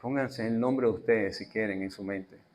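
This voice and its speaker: A male pastor delivering a sermon, emphatic and repetitive, swinging between loud declarations and soft, quiet appeals. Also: lowish voice, normal speed.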